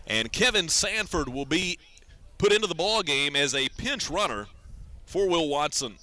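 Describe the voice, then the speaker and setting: His voice fairly high, expressive, pushed and bright, a man does live radio commentary of a baseball game. He delivers the play-by-play in a measured, deliberate way.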